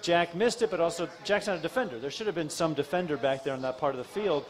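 A middle-aged man co-hosting a soccer post-game show in a bar, with a quick, dry, teasing way of talking. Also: fairly high pitch. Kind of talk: casual post-game analysis. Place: dim bar. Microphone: studio mic on stand with foam cover, headphones.

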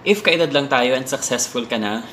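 A man's voice: medium pitch, expressive, fairly quick, a bit bright, a little hiss or hum. A Filipino man in his twenties delivering a casual comic rant in a room. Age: 20s.

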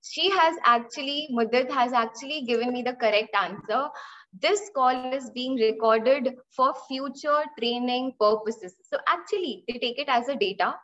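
A young Indian webinar instructor, speaking Indian English in a high-pitched, fairly bright voice at normal speed, teaches an online data analytics class from an indoor room. She explains using examples, asks her students questions, and often repeats or restarts phrases, and the laptop mic on the video call yields dull, lo-fi audio.

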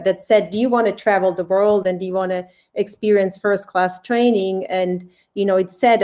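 A woman in her forties from Switzerland speaking on a video call from home, telling stories in a lively way with many fillers and restarts. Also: mid-range voice. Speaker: panelist. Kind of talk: panel talk on a video call. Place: home room indoors. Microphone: webcam at desk distance.

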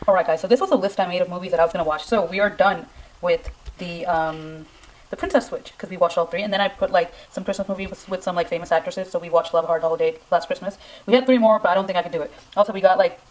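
A young woman talks at a quick clip in a slightly low voice, as if filming a casual vlog at home. She rambles in a self-deprecating way, with a melodramatic, pleading streak. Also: steady tone, poor audio. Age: young adult. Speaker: vlogger. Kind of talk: casual chatty challenge vlog. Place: indoors in a room at home.

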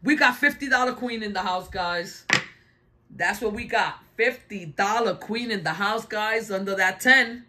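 A woman's voice: mid-range voice, a little slow, noisy background. A woman hosting casual scratch-card play-along commentary, calling out numbers in short phrases. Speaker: host of a lottery scratch-off channel.

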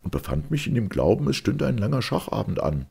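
A man reading the lines of an earnest gentleman who speaks in defense of his science and apologises. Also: medium pitch, sing-song, brisk, creaky, slightly rough, voice pushed up, exaggerated voice. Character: the curious first-person narrator, a gentleman scientist.

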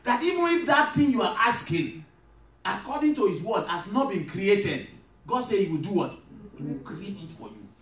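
High-voiced pastor man preaching, call and response, roomy church sound from a distance. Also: sing-song, normal speed, a bit bright. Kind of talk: sermon. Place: church hall. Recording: echoey hall, mic far off.

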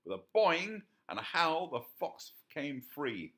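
A man reading a children's story aloud in an expressive, sing-song way, with small slips now and then. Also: a little high, slow. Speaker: storybook reader.

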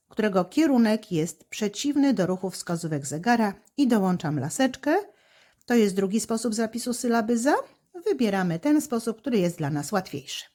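A woman teacher explaining handwriting step by step, slowly and patiently, to children. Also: mid-range voice, darkish tone.

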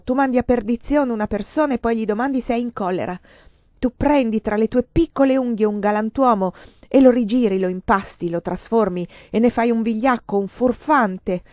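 A woman voicing a ruined man shouting in rage. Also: fairly high pitch, no room sound, voice pushed up, close to an everyday voice. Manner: shouting, bitter, accusing. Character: desperate furious man, ruined lover turned thief. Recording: dull lo-fi dry recording.

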